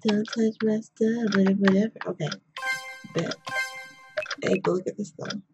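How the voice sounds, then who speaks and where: A young woman hosting a game playthrough in a quiet whisper, chatting casually as she plays. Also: medium pitch, steady tone, moderate pace, dull audio, music in the background. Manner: whispering quietly, keeping voice hushed. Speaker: gaming video host. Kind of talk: whispered let's play commentary, casual chat. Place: indoors at home. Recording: noisy background, keyboard and mouse clicks.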